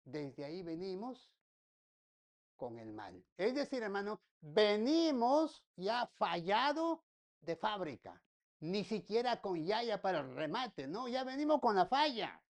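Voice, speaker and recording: A woman's voice: mid-range voice, big pitch swings, slow pace. Woman pastor preaching. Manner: repeats phrases, asks the congregation rhetorical questions; folksy, joking asides. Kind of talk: sermon.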